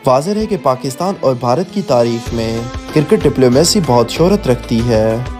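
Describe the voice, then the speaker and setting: A man with a Pakistani accent reads a scripted news report in a formal, declarative way. His pitch is average for a male, his intonation lively and his pace normal. Music plays clearly behind him the whole time.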